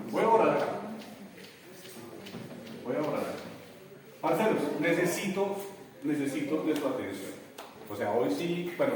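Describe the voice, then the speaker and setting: A man with a Colombian accent teaching English in a classroom, animated and addressing his students with local slang. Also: a little high, slight background noise. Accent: Colombian Spanish. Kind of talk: classroom lesson. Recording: echoey classroom, from far off.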